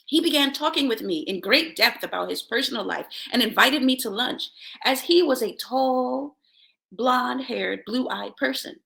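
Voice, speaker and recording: A Jamaican woman hosts a self-help show, offering motivational talk and personal stories with emphatic, expressive delivery and repeating key words for effect. Her voice is on the high side, with vocal fry.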